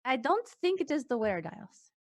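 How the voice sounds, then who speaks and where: A woman's voice: sits high, sing-song, a little fast, a little mellow, no echo. A woman playing a tabletop fantasy game, improvising in character in a polite, hesitant manner.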